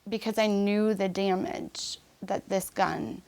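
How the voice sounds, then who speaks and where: Earnest woman telling her story, halting. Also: medium pitch, fairly even intonation, creaky, a little mellow. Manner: halting, with restarts and fillers. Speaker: interview guest. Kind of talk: personal story in a podcast interview.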